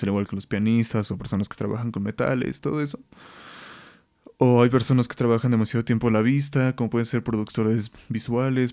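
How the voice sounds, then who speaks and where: A young man with a Mexican accent and a medium-pitched, darkish voice hosts a podcast. He tells stories in a casual, slangy rant, joking and laughing often.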